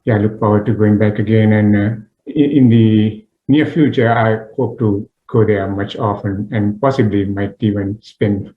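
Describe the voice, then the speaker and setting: A man from Sri Lanka, a radio interview guest, who speaks haltingly with lots of filler pauses. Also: fairly low pitch, steady tone. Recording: dull, roomy remote line.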